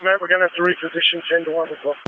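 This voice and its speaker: Fast, high-voiced man commanding by radio. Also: level tone. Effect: two-way radio. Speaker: fire commander. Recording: muffled two-way radio, clear static and clicks.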